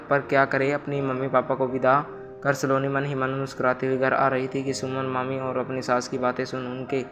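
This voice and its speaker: A man narrating a moral family story in an even, scripted reading. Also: medium pitch. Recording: music bed underneath. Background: music.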